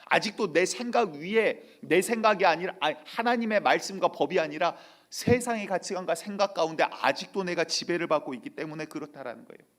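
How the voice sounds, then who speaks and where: A male pastor delivering a sermon in church, telling lively stories and acting out quotes. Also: high-pitched, a little fast, few pauses. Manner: lively storytelling with acted-out quotes.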